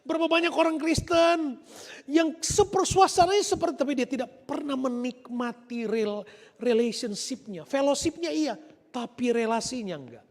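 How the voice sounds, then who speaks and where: Male pastor, high and very expressive preaching voice, soft then loud emphasis, reverberant church hall. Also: moderate pace. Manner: animated preaching, swinging between soft asides and loud emphatic lines. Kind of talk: live-streamed church sermon.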